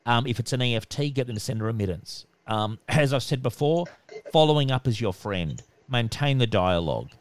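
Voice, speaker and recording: A man with a nasal voice, a debt collection expert giving calm, instructive answers in a podcast interview. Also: medium pitch, brisk, no room sound. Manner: calm, instructive, repeats "okay".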